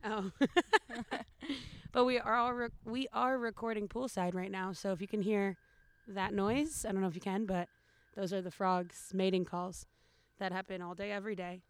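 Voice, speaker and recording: Slightly raspy young woman, chatty podcast host. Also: medium pitch, steady tone, moderate pace, no echo. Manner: chatty, lots of fillers. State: raspy from allergies. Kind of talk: casual podcast chat. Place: outdoors by a backyard pool. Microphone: new podcast microphones.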